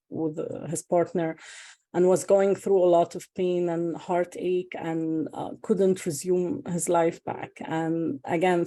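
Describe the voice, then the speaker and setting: Woman life coach, mellow lowish voice, halting testimonial. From Egypt. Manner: hesitant, searching for words. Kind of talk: personal testimonial.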